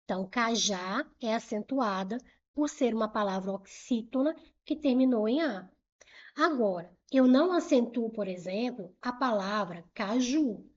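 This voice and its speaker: A middle-aged woman with a slightly high voice teaches grammar in an online exam-prep lesson, walking through each rule step by step. She repeats key points and briskly prods the viewer with rhetorical questions. The audio sounds dull and muffled.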